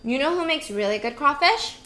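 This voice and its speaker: A woman's voice: high voice, expressive, a little fast, sharp tone. A young woman hosting a chatty eating vlog, bubbly and giggly, with casual swearing. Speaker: mukbang vlogger.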